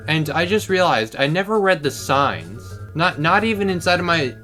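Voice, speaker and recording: A man's voice: a little high, sing-song, moderate pace, bright, forceful tone, soft background music. A teenage boy giving casual, rambling let's-play commentary as the host of his gaming channel, swearing and exclaiming as he goes. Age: teens.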